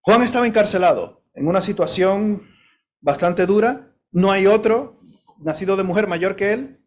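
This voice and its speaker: Casting: male pastor, sermon delivery, emphatic, rhetorical questions to the congregation, fairly high voice. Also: normal speed. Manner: direct warnings to the listener.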